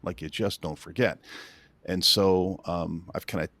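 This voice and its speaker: A man's voice: sits low, steady tone, unhurried, fairly bright tone, no room sound. A man in his fifties from northern Illinois, a real estate coach telling his story in a casual interview with a self-deprecating, joking manner. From northern Illinois, USA. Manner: self-deprecating, laughs at his own stories.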